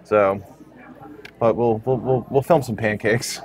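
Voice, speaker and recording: A man's voice: lowish voice, steady tone, a little slow, noisy background. A man filming a casual food vlog with friends at a diner, joking and bantering. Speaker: vlogger. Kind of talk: casual chat. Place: small-town diner, indoors.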